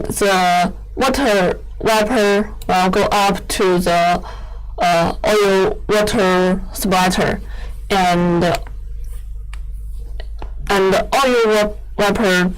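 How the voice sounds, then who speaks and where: A woman giving an explanatory product demonstration in halting, non-fluent English, often repeating words as she goes. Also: medium pitch, smooth, low-quality recording. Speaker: equipment company presenter giving a machine demo.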